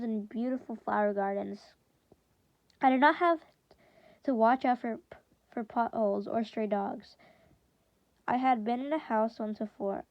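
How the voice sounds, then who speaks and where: A woman with a slightly high voice reads a first-person story chapter aloud to students, classroom style, sometimes stumbling and repeating words. The recording is dry with the highs cut off.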